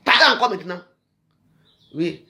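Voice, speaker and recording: A woman talks straight to her live-stream viewers in a long, repetitive rant. She sounds preachy and insistent. Her voice sinks to low murmurs, then bursts out loud and high. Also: normal speed.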